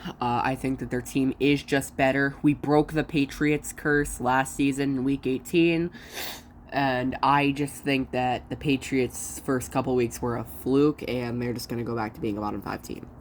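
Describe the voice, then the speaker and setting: A woman chatting casually through her football picks, stuffy from allergies, self-deprecating and quick to restart her sentences. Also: rumbling low, steady tone, slight background noise. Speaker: sports prediction vlogger. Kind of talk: casual solo commentary.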